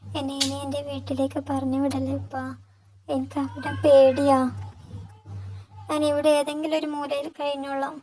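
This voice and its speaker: A woman voicing a gentle, patient young wife who pleads and sobs. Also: high voice, little pitch movement, moderate pace. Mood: sobbing pleading. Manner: pleading and sobbing.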